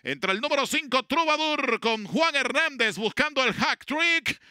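A man calling horse races live like a motorsport commentator, excited and urgent, in short bursts. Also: very high-pitched, measured pace, dry recording, clean studio sound.

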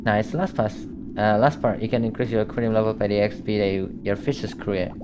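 A man's voice: lowish voice, fairly even intonation, fairly quick, background noise, pitched below the performer's own voice, lightly acted. A man reading out a posh male seagull who guides players through setting up an aquarium in a game, with a chatty manner. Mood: cheery. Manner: posh, chatty tutorial narration. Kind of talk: reading game dialogue aloud.

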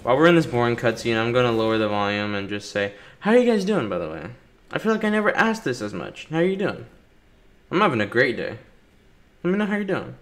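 Very animated and quick, a medium-pitched male YouTuber narrates his playthrough with playful slang and banter aimed at the characters. Gentle game music sits in the background.

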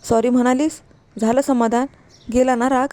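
A woman's voice: fairly high pitch, level tone, moderate pace, mellow, close to an everyday voice. A woman reading the lines of an angry, stressed young husband who fires off short, reproachful questions.

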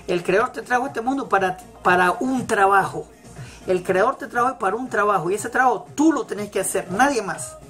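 A woman's voice: medium pitch, fairly quick, a bit bright. A woman giving a motivational religious talk, emphatic and repeating her key phrases. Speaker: religious teacher. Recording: faint music in background. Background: faint celebration music.

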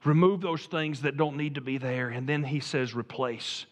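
A pastor preaches a sermon in a reverberant church sanctuary, speaking emphatically and building to fervent appeals. His voice is a little high, at normal speed.

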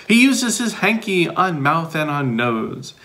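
A middle-aged volunteer storybook reader reads a children's picture book expressively, with sing-song questions and playful asides. His fairly high voice swings widely in pitch and sounds pushed and bright, and he takes it slowly.

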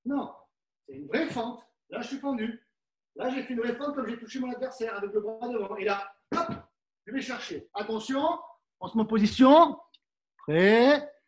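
A middle-aged man leads a live fencing workout class, his voice very high-pitched and animated at a normal speed. He instructs and coaxes, often tossing in "hein" while demonstrating, and sometimes drifts away from the mic.

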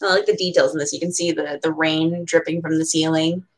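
With a deep voice, fairly even intonation and a brisk pace, a woman in her twenties with an American accent reads a children's picture book expressively and adds chatty asides. She's a bookseller doing storytime in a small room at home.

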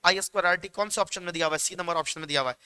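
Chatty male physics teacher, bright voice. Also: sits high, racing, smooth. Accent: Bihari Hindi. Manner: chatty teacher, mixing Hindi and English terms, joking asides. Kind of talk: exam-prep lecture.

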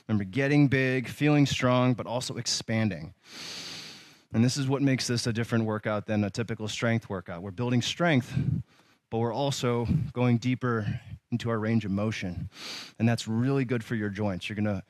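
A man's voice: mid-range voice, normal speed, no echo. Guy talking you through a yoga flow, easy encouraging cues, dry close sound. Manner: calm, encouraging cues with light humor. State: slightly out of breath at times. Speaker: yoga instructor. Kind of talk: guided yoga class instruction.

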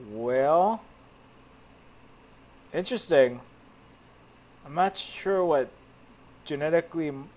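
A man giving casual, joking gameplay commentary as a let's play host, thinking aloud as he goes. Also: mid-range voice. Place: voice-over on game capture, music behind.

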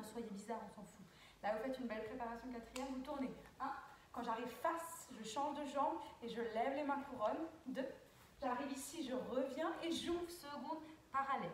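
Young woman, dance teacher, calls steps and counts, slightly high voice, booming reverb, distant mic, faint room noise. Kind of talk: talking through a dance routine. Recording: very echoey, far from mic.

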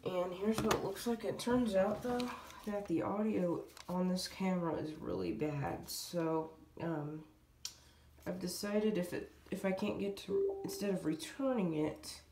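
A hobby video creator, a woman, gives viewers a casual vlog update, rambling and hesitant, in a low-ish, dark voice that's unhurried and fairly even. She records on a handheld camera or phone in a small room at home, so the sound is roomy and distant with light noise.

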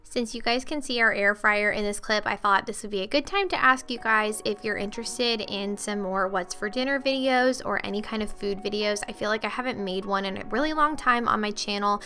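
Young woman, chatty voice-over, crisp bright tone, faint music behind. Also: mid-range voice, brisk, hardly any pauses. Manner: chatty, friendly explaining. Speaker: cleaning vlogger. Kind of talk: voice-over narration.

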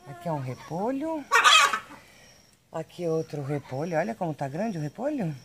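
A woman's voice: lowish voice, darkish tone, slight background noise. A Brazilian woman vlogging outdoors, filming on a handheld phone and baby-talking affectionately to her animals. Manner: affectionate, coos and baby-talks to pets. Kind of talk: casual vlog narration while filming. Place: outdoors among animal pens and a vegetable garden. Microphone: handheld phone camera.

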